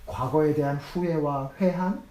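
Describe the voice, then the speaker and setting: A man's voice: a little high, measured pace, a little mellow. A man preaching a sermon as pastor, speaking in a conversational way and acting out scripture quotes. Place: church sanctuary. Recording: echoey church room, mic from a distance.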